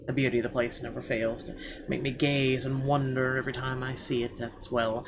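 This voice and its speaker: With clear game music behind him and a noisy background, a man hosting a gaming video reads the game's narration and reacts casually, irreverently and profanely. His mid-range voice is fairly quick and shows little pitch movement.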